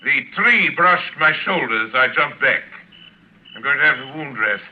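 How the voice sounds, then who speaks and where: An actor playing a cultured, gloating hunter general in a 1940s radio drama, formal and mockingly polite. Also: male voice, medium pitch, expressive, normal speed, close to an everyday voice. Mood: menacing promise. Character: gloating, cultured male big-game hunter general, cruelly courteous. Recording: dull vintage 1940s radio recording.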